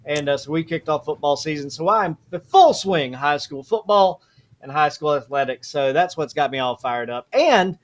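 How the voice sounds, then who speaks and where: A man's voice: on the high side, expressive, moderate pace. Plain-spoken joking man. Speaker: co-host, high school sports broadcaster. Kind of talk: casual live-stream sports chat.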